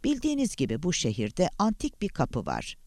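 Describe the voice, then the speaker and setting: A smug, menacing kidnapper, as read by a man, speaking calmly and formally with a sweeping, lively pitch. Every line drips with quiet condescension. The sound is dry and close, with no room at all. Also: normal speed, dry recording. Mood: taunting. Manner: calm, taunting, formal. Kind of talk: audiobook character voice.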